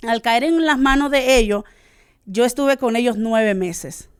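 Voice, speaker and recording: A Honduran woman in her thirties with a Honduran Spanish accent, telling her faith testimony as a guest in an earnest way, often pausing with "este". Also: on the high side, smooth, dry recording, studio quality. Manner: earnest, searching for words with many "este" fillers. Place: studio.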